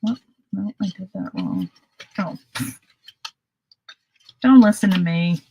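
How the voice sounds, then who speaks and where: A woman's voice: medium pitch, slow pace, background noise. A middle-aged woman hosting a casual live craft demonstration, chatty and self-deprecating, laughing at her own slips. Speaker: craft host.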